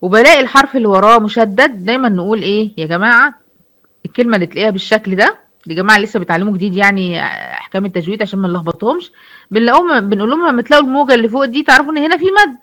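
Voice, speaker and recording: A woman's voice: on the high side, expressive, very fast, a bit bright. A woman with an Egyptian Arabic accent teaching a recitation class online. She explains step by step, asks her students questions and answers them herself. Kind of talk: online lecture.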